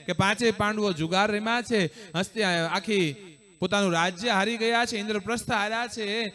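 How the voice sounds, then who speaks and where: A man's voice: sits high, a bit bright. A man preaching a devotional sermon to a live gathering, emphatic and speaking directly to listeners. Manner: emphatic, addresses audience directly. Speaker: religious preacher.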